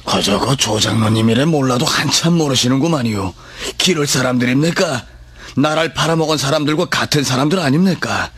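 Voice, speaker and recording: A man's voice: mid-range voice, a little fast, fairly bright tone, husky, no echo. A male actor playing a suspicious, fervent church elder in a radio drama, speaking insistently with a North Korean Pyongan accent. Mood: indignant. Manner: insistent, agitated, emphatic.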